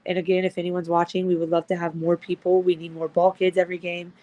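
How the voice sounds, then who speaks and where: A woman's voice: on the low side, little pitch movement, quick pace, dark tone, lo-fi sound. A woman talking casually as a guest, upbeat and rambling with lots of fillers. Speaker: guest, supporters' group organizer. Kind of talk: casual chat.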